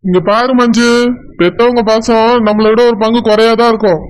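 A man voicing a middle-aged father who gently reasons with and comforts his wife, with a Kanyakumari Tamil accent. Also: very high voice, fairly even intonation, normal speed, noisy background. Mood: consoling.

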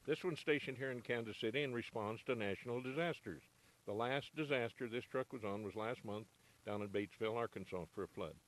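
The recording quality is low as an older ham radio operator, interviewed for television news, briskly offers plain technical answers into the reporter's handheld mic. His pitch is medium. The interview moves from his home radio room to a parked truck.

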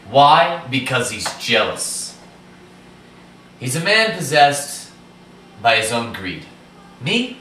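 A young actor playing a pompous small-town politician with a bright, forceful voice. He speaks slowly and earnestly to voters, picked up from across an echoey room with faint noise. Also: medium pitch, full character voice. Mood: grave. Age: young adult. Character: self-important small-town candidate appealing to voters. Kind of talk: mock campaign address. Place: small office by a window. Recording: roomy, distant camera mic, faint noise.

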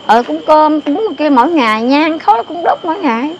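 An older woman, interviewed about local lore, tells stories casually in a high-pitched voice with lively intonation and a slightly fast pace. She rambles and speaks emphatically, repeating her phrases. The lo-fi recording picks up noisy outdoor ambience with vehicles passing.

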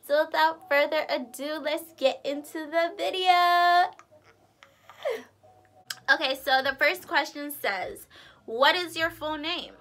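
This young woman, around twenty and of Guyanese and American background with part of her upbringing in Maryland, speaks slowly with long pauses. Her voice is high and fairly bright as she vlogs casually and expressively from a room with curtains at home.

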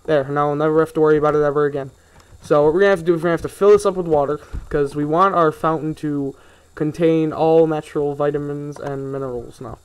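A man's voice: on the high side, steady tone, fast talker, smooth. Rambling young man narrating his gameplay. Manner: rambling, easily sidetracked, grumbling asides. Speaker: gaming video host. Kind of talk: casual let's play commentary.

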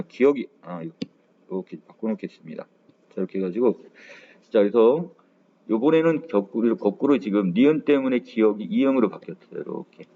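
A male teacher giving a recorded grammar lecture, explaining step by step and starting most phrases with a drawn-out filler. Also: medium pitch. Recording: tinny phone-like recording with faint hiss.

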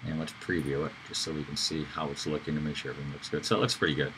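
A man giving a casual screen-recorded software tutorial, talking loosely with fillers and self-corrections. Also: extremely low pitch, fairly even intonation, very fast, noisy background. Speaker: instructor.

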